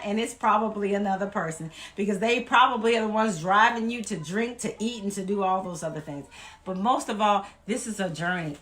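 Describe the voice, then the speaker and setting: A woman's voice: a little high, fairly bright tone. A woman from Louisiana, giving an emphatic, folksy motivational talk as a weight-loss vlogger.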